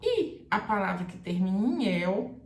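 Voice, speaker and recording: Slow-spoken woman teaching grammar. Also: medium pitch, sing-song, a little mellow. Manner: slow, careful, explanatory. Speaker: Portuguese teacher. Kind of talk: grammar lesson to camera. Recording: echoey room.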